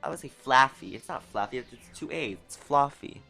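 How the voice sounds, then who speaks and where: Brief: excitable New York-accented gamer narrating a playthrough, very lively pitch. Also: fast, gravelly, breathy edge, faint music behind. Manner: excitable, exasperated running reactions. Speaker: let's player. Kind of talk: video game playthrough commentary.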